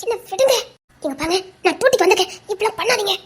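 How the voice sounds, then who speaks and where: A woman's voice: extremely high pitch, animated, racing. A woman with a Tirunelveli Tamil accent playing a dutiful young policewoman and mother who pleads and protests in a comedy skit. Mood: protesting.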